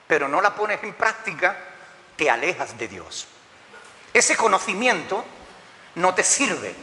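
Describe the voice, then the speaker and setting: A man's voice: high voice, pushed and bright. A man, preaching a sermon as a pastor, asking rhetorical questions and joking with the congregation. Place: church hall. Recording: long church reverb.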